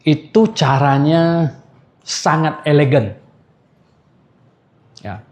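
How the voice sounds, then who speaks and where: A man's voice: a little high, very slow. An older man, a pastor, giving an anniversary sermon in a chatty storytelling way, laughing and calling out questions to the congregation.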